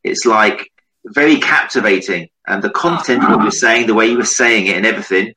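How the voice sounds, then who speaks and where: A man hosts a casual online interview. His voice sits fairly low but has a bright, forward edge. He talks informally, as if straight to camera from a home office. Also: brisk, a little hiss or hum, low-quality recording. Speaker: online show host.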